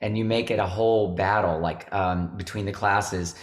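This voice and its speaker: A man's voice: sits low, fairly even intonation, normal speed, roomy sound. A man in his fifties, a veteran music teacher hosting a video call, talking in a rambling, chatty way full of fillers. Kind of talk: casual video-call chat.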